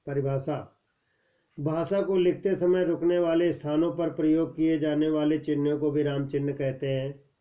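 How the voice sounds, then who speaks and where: A man teaching a scripted grammar lesson at a measured pace, announcing each heading more loudly and reading the examples more softly. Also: a little high, steady tone. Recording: dull lo-fi recording.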